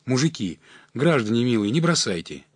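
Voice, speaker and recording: Man doing a rattled country guy begging for help, husky dry voice. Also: mid-range voice, sing-song, moderate pace, dry recording. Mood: desperate. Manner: bewildered, pleading, rustic talk. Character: simple, flustered village man Egor, bewildered. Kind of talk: audiobook character voice.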